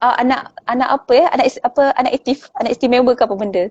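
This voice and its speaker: Woman guest, high voice, animated storyteller, dry and lo-fi sound. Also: very fast, dry recording. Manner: lively storytelling, retelling stories with many fillers. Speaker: book discussion guest. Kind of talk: casual book chat.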